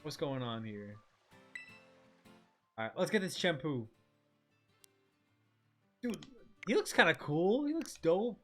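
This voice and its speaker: A man livestreaming a game in casual, slangy, excitable chat, often exclaiming and repeating his phrases. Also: on the high side, slow, pauses often, soft background music. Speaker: game streamer.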